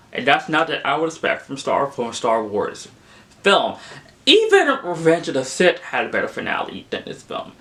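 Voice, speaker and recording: Young male film vlogger, casual and exasperated, loose rambling delivery with lots of fillers, mid-pitched voice. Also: fairly bright tone. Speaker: film reviewer. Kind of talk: casual spoken movie review.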